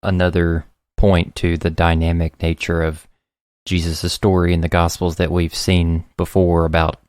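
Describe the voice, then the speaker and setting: A man co-hosting a casual Bible study podcast who speaks calmly and in measured turns. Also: deep voice, no room sound. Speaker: podcast co-host.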